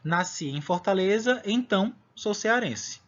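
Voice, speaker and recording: A man's voice: sits high, expressive, a little slow. A Brazilian man teaching a discrete math lecture, explaining step by step and often checking in with his listeners. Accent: Brazilian Portuguese. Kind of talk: recorded online lecture. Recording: dull lo-fi recording.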